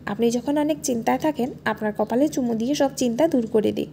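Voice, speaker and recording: A woman narrator voices a sweet, naive young wife in a romantic audio story, giving her a playful, coaxing manner like a storybook character in dialogue. The voice sits a little high and sounds innocent, mellow and natural, delivered fast with a faint hiss or hum.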